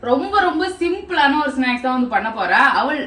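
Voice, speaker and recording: A woman's voice: sits high, lively intonation, fast, a bit bright, echoey room. A woman, chatting to viewers as she walks through her home cooking, calling them friends. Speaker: cooking vlogger. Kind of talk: casual cooking walkthrough. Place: home kitchen.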